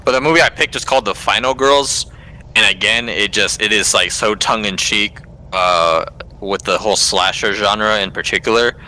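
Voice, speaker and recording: A man's voice: lowish voice, normal speed, bright, forceful tone, a little hiss or hum, rough recording. A man co-hosting a casual podcast, retelling a movie plot in a rambling, filler-heavy way. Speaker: podcast co-host. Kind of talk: casual movie recap chat.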